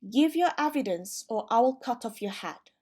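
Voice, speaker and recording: A woman's voice: fairly high pitch, expressive, normal speed, darkish tone. A woman voicing a stern, impatient king in a storybook reading, with a commanding delivery.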